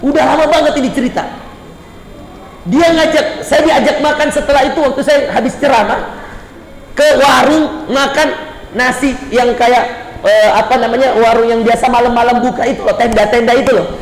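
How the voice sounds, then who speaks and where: A middle-aged man preaching a mosque sermon, fervent, building to emphatic repeated lines and dropping soft when moved. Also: fairly even intonation, normal speed, a little hiss or hum. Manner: fervent, rises to emphatic high repetitions, drops low and soft when moved. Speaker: ustadz, preacher. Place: mosque hall. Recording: echoey mosque hall, faint ambience.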